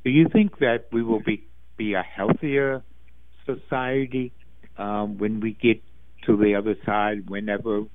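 An American man co-hosting a talk radio show, speaking thoughtfully in a halting, deliberate and measured way. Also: fairly low pitch, fairly even intonation. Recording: dull, band-limited phone-like sound.

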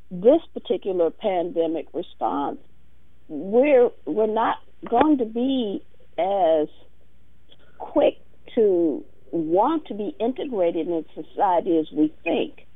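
An American woman with a raspy, sandpapery voice, hosting a conversational call-in radio show in a halting, reflective way. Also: mid-range voice. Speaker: radio talk show host. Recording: muffled, roomy phone-like radio sound.

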